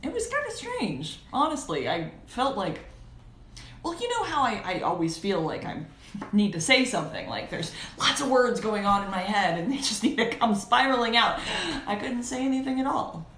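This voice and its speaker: A chatty, pompous male archangel, as a woman plays him on a cosplay role-play livestream. Her pitch jumps all over, lively and playful. It sounds like an echoey room. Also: moderate pace, a little hiss or hum. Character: Archangel Gabriel, a cheerful, pompous male angel.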